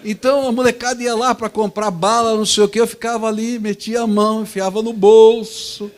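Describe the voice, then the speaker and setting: A man preaching in a church, telling a story vividly and swinging between loud and soft. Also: sits high, little pitch movement, a little fast. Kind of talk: storytelling sermon.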